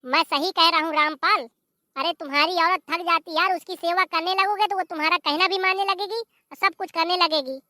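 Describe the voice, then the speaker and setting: A voice actor playing a meddling male friend visiting from abroad in an animated comedy, teasing and handing out advice. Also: very high voice, brisk, dry recording, clean studio sound, full character voice.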